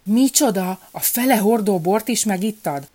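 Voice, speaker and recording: A woman's voice: medium pitch, lively intonation, a little mellow, voice pushed up, natural voice. A woman voicing an indignant king who bursts out in anger in a storybook tale. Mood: outraged. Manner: indignant outbursts. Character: angry shouting king, middle-aged man.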